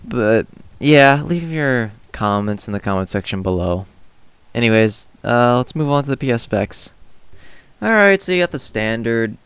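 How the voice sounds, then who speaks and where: A man's voice: medium pitch, expressive, moderate pace, a bit bright, clear, resonant tone, no echo. A man giving a casual, offhand video game review in a rambling, noncommittal way.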